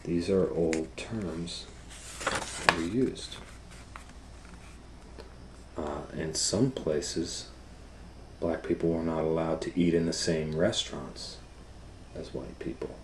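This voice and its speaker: This male storytime educator reads from a children's book in a low-pitched voice, using simple, deliberate phrasing and stopping for explanatory asides. Background noise is audible.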